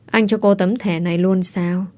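A woman narrating a romance novel aloud in a steady, even storytelling manner. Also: medium pitch, moderate pace. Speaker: audiobook narrator.

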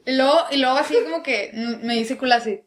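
A woman's voice: high-pitched, fast talker. A young woman with a northern Mexican accent, co-hosting a casual podcast chat and telling stories, often mimicking other people's accents. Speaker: podcast co-host.

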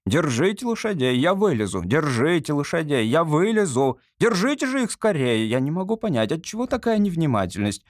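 A man's voice: a little high, very animated, a little hiss or hum. Man playing a stern, haughty society lady. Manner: stern, sharp, measured and commanding.

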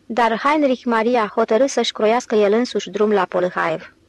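A woman's voice: fairly high pitch, no echo, rough recording. Woman reading an audiobook, dry. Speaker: audiobook narrator. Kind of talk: scripted narration.

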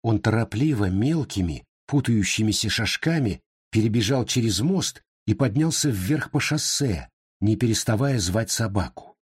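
A man reading a story aloud in a measured, expressive storytelling manner. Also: lowish voice, breathy edge. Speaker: narrator. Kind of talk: scripted audiobook narration.

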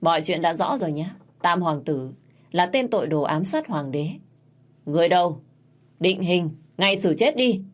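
A woman's voice: low voice, lively intonation, normal speed. A woman voicing a cruel, scheming male crown prince in a read-aloud story, taunting and menacing. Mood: gloating.

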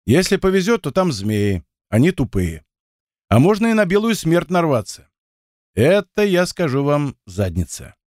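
A man's voice: on the high side, sing-song, a little mellow, no echo, studio quality. Man reading as Mordey, a boastful young dancer. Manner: boastful, quick to take offence. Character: boastful young male dancer, tall-tale teller.

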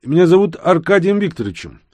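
A man voicing a sturdy man of about sixty in an audiobook, polite, formal and unhurried. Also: sits high, very animated, a little mellow, no echo, voice pushed up. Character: sturdy older man around sixty, composed and curious.

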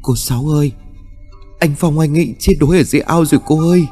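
Frantic young village boy put on by a male narrator, shouting, high-pitched, storybook telling. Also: fast, faint music behind, close to an everyday voice. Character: panicky young village lad, breathless messenger.

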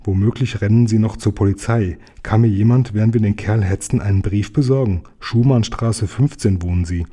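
Earnest, determined boy hero from a storybook, read by a man with a low, dark voice. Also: normal speed, hardly any pauses, natural voice.

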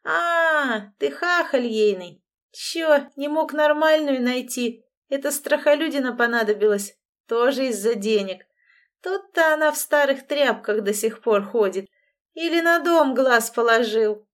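A brash, unshaven young bully who sneers and taunts in coarse street slang, as a woman reading the story puts him on. The voice sits fairly high and drawls its jeers slowly. It is a spoken storybook performance. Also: lively intonation. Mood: mocking. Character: crude scruffy young man, brash bully. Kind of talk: audiobook reading.

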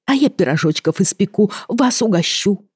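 A woman's voice: mid-range voice, expressive, moderate pace, husky, no room sound, studio quality, pitched above the performer's own voice. A woman doing a kind, fussing older housemaid. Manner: soft, motherly, sighing.

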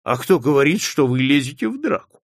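A man's voice: mid-range voice, sing-song, fairly quick, no echo. A man playing a laconic cowboy. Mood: sharp. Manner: drawling, dry.

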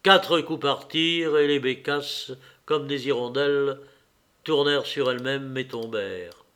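A man reading a classic novel aloud in a measured, literary narration. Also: medium pitch, a bit bright. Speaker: audiobook reader.

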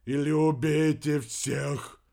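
A man's voice: fairly high pitch, moderate pace, darkish tone, close to an everyday voice. A man putting on a groaning hungover guy. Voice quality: moaning, pained.

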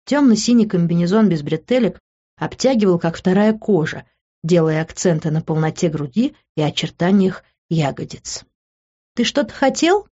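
A woman reading a first-person audiobook narration in a playful, lively way, switching between character voices. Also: lowish voice, normal speed, slightly rough. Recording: dull lo-fi recording.

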